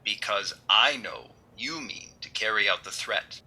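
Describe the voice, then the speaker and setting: An actor playing an unseen, menacing, all-knowing vigilante with theatrical, ominous diction, in 1930s radio mystery style. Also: male voice, on the low side, huge pitch swings, measured pace, vocal fry, pushed and bright, exaggerated voice, rough recording. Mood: ominous, commanding.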